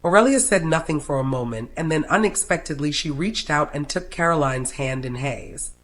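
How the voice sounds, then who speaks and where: A text-to-speech narrator reading a period romance novel in a flat, even manner. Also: mid-range voice, moderate pace. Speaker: audiobook narrator.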